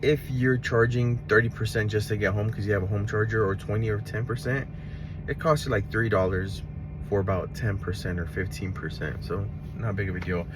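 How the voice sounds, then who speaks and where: A man with a Mexican Spanish accent casually vlogs to camera outdoors at a public car charger, rambling and poking fun at himself. His voice is fairly low, steady, and fairly quick, with background noise in the clip.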